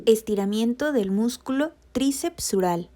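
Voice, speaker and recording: A woman giving a scripted, methodical narration for a rehabilitation lesson, reading anatomy terms in an even voice-over. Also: fairly high pitch, measured pace, slight background noise. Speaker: rehabilitation instructor.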